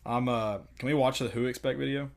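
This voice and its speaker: A man's voice: mid-range voice, steady tone, normal speed, vocal fry. Blunt man in casual sports chat. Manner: blunt, mocking, quotes coaches in put-on voices.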